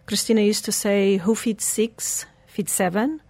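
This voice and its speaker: Speaking unhurriedly in a steady, somewhat dark medium-pitched voice, a woman from Portugal in her forties shares her life story as an interview guest. She sounds earnest and narrative, her English phrasing a bit broken, and the recording is dry.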